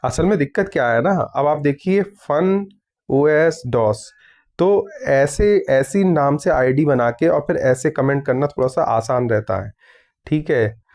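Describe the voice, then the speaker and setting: Speaking at a moderate pace in a mid-range, slightly mellow voice, a young man from an exam news channel handles viewer comments one after another. He reads each out loud and gives a firm, casual answer, with plenty of "theek hai."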